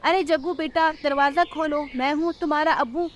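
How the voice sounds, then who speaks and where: A woman voicing a weary, gentle old father crow in a cartoon story. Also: sits high, steady tone, normal speed, pitched above the performer's own voice, lightly acted. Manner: tired, resigned.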